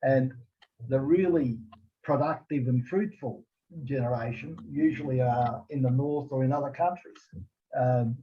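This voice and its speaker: A man's voice: mid-range voice, lo-fi sound. A man interviewing a guest over a video call, often restarting his sentences and stammering before his questions. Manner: halting, many restarts and stammered starts.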